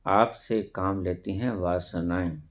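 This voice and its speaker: Speaking slowly in a low, steady voice, a man from India gives a spiritual discourse. This spiritual teacher preaches with emphasis, poses rhetorical questions, and mixes in English phrases.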